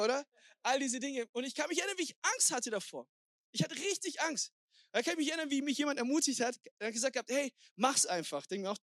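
A married man preaching a sermon, energetic and exhorting, sprinkling in English words. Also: very high-pitched, no room sound, studio quality. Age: adult, married. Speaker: pastor.

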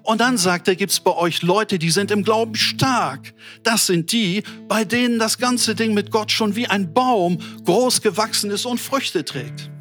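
A middle-aged man preaching an animated sermon to an online audience, speaking directly and colloquially to his listeners and telling stories. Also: sits high, unhurried, few pauses, faint music behind. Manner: colloquial with English words.

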